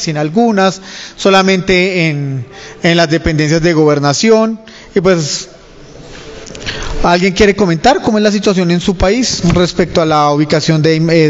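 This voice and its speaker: A Colombian man leading a workshop discussion, speaking in a measured way with frequent fillers. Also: high voice. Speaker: workshop leader. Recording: dull audio in a reverberant hall.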